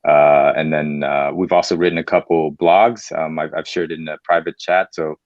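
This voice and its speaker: A man's voice: a bass voice, fairly even intonation, normal speed, no room sound, highs cut off. A man answering an interview question casually, hesitating often with fillers and restarts. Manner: hesitant, lots of ums and restarts. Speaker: company guest.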